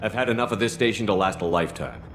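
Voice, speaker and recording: Game role: terse, deep-voiced commander, quick delivery, music underneath. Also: male voice, lively intonation, creaky, a bit bright. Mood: guarded. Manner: terse, guarded, questioning. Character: battle-hardened male commander, wary and direct. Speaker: military commander. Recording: game audio with music score.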